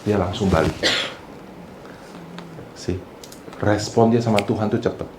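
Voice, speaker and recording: A man's voice: fairly low pitch, a little slow, reverberant, background noise. A pastor preaching a sermon who mixes English phrases into his talk, asks his congregation for responses and acts out the people he quotes. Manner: acts out quoted people, sometimes loud and shouting. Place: church hall.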